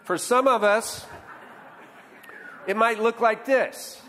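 A man's voice: high voice, slow pace, fairly bright tone, in a large hall. A man preaching a sermon as a pastor, conversational and often checking in with the congregation. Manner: conversational, often adds "right?" to draw in the congregation.

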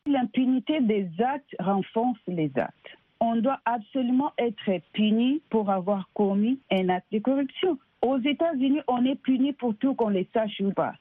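A woman from DR Congo with a Congolese French accent answers as an interview guest, earnest and emphatic, explaining her points with examples. Her voice is on the high side with a breathy edge and no echo, carried over a tinny, phone-like band-limited line.

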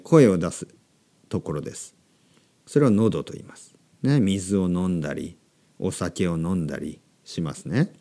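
A man hosting a podcast for learners of Japanese, speaking slowly in simple words and repeating them, with a slightly sore throat. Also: deep voice, mellow. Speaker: podcast host teaching Japanese. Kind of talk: slow, simple podcast talk for language learners.

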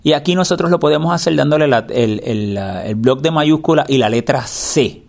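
A man's voice: fairly high pitch, animated, normal speed, vocal fry. Man giving a patient step-by-step tutorial. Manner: patient, explanatory, repeats key steps. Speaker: instructor demonstrating a screen reader.

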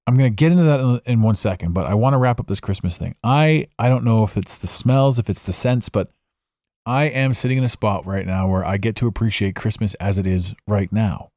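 A podcast host speaks a little fast in a lowish, darkish voice, giving an impromptu solo monologue from his home studio. He rambles reflectively and restarts frequently; the studio microphone captures no room sound.

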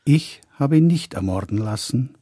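Radio play: a frail, weepy old God. Dark, husky and dry-sounding, plaintive and worn out. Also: male voice, medium pitch, animated, normal speed, no echo. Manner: plaintive, weary, pleading. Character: old, tearful, feeble God, pitied and ignored.

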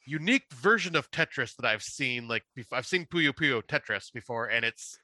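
A man's voice: mid-range voice, animated, moderate pace, pushed and bright, dry recording. A man co-hosting a casual podcast from Canada, chatting his way through a list of upcoming game releases. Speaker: podcast co-host.

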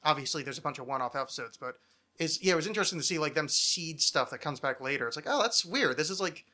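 Here a male podcast host in his thirties digresses freely and swears often while casually discussing television. He sounds animated and fast, with a fairly high pitch and a sharp tone.

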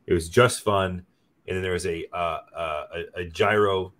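A man in casual conversation, reminiscing in a relaxed way. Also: low-pitched, moderate pace. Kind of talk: casual chat.

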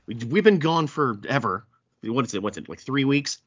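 A man's voice: medium pitch, lively intonation, normal speed, breathy edge, faint music behind. A man with a thick Southern US accent hosting a casual podcast chat, often stammering and repeating words as he goes. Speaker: podcast host. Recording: dull, roomy echo.

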